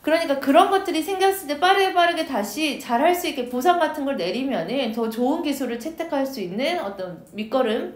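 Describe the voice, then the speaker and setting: A woman with a high voice gives an exam-prep English lecture. She talks in a casual, chatty way, putting questions to the class and then answering them herself. The room gives her voice a noticeable echo. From South Korea. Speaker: English teacher.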